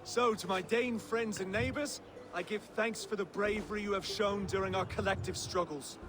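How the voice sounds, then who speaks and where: Casting: male actor as gentle medieval king, high voice, earnest formal speeches, game dialogue with noise behind. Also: close to an everyday voice. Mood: solemn, hopeful. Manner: measured, formal, oratorical. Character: earnest, gentle Saxon king addressing guests. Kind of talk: video game voice acting.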